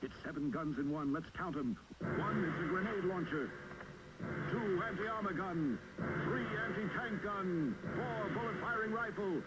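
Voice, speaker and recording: A man giving a punchy, energetic toy commercial voice-over, with the sound playing only in the left channel. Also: sits high, measured pace. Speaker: commercial announcer. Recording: loud hiss on an old ad recording.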